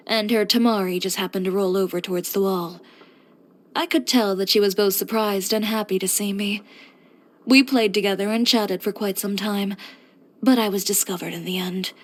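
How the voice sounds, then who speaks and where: A woman's voice: medium pitch, natural voice. Chiori, a woman as a blunt, self-assured tailor. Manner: matter-of-fact, frank, dryly confident delivery. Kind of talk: video game character voice lines.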